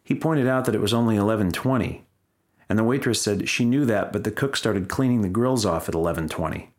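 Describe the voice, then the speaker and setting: A man's voice: fairly low pitch, a little fast. A man reading his own comic first-person stories in a wry, blunt and profane manner. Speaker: memoir reader.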